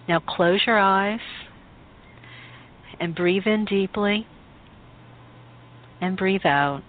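A woman leading a guided meditation in a calm, soothing, unhurried voice with pauses. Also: lowish voice. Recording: muffled phone-like recording with music. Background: meditation music.

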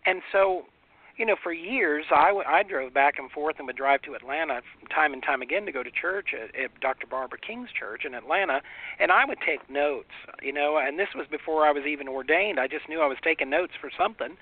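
Man, fairly high voice, emphatic animated storyteller, spiritual radio co-host, tinny phone line. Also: a little fast. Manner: emphatic, animated storytelling, frequent "you know". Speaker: radio show co-host, ordained minister. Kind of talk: casual spiritual talk radio chat.

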